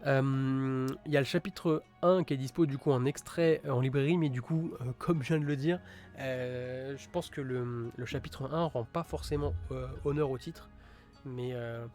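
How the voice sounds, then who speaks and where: Male streamer, mid-pitched, chatty and halting, soft music under the voice. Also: fairly even intonation. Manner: rambling, many fillers and restarts; enthusiastic about gory titles. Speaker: streamer reviewing manga. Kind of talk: casual live-stream chat.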